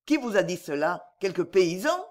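A woman's voice: fairly low pitch, very animated, moderate pace. A woman doing a wary old provincial lawyer. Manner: guarded, wary. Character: cautious provincial former lawyer, suspicious.

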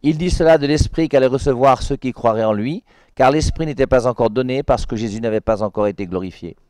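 A priest gives a conversational Sunday Bible commentary, often tossing in "hein" and repeating words, then reading scripture slowly and emphatically. His mid-range voice is slightly mellow, and the clean studio recording is dry.

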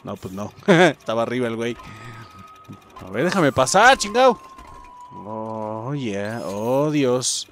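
A young adult man with a Mexican accent giving excitable gameplay commentary, swearing and yelping as he plays. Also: medium pitch, slow, long pauses, faint music behind. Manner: excitable, swearing, yelps and shouts. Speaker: gaming youtuber.

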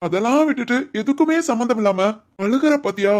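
A man's voice: very high-pitched, expressive, fairly quick. A man playing a teasing, caring young husband. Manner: teasing yet reassuring. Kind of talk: romantic audio drama.

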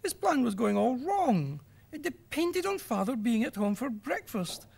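A British man reading a children's story aloud in a lively, expressive way. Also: very high-pitched, measured pace, vocal fry, breathy edge.

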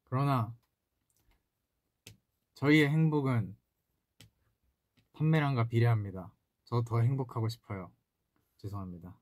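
A man's voice: mid-range voice, measured pace, long pauses, a little mellow, no echo. A young man in his twenties, an idol singer chatting playfully on a solo livestream and answering fan comments from a small room. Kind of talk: casual livestream chat, reading fan comments. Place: small indoor room, seated at a desk.

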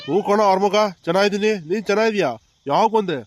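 A man voicing a kind old village grandfather in a cartoon comedy, calmly reasoning with his family and comforting his granddaughter. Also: sits high, racing, a little hiss or hum, close to an everyday voice. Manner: soothing, reasoning.

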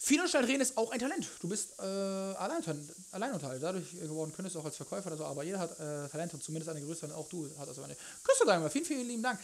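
A man's voice: high-pitched, animated, rapid-fire, gravelly, hardly any pauses. Young man streaming, slangy and jokey. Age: young adult. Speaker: live streamer, cooking show host. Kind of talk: casual livestream chat while cooking, answering chat. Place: home kitchen, indoors. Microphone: headset.

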